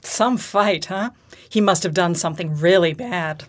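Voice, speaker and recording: A woman's voice: fairly low pitch, measured pace. A woman acting a sceptical, reluctant wife in a scripted dialogue, with a pointed, questioning manner.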